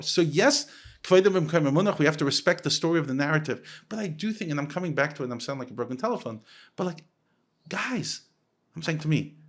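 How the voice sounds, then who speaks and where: A man from the United States, a rabbi, talking casually as a podcast guest, restarting and repeating words as he goes. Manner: animated, lifts his pitch sharply when quoting others.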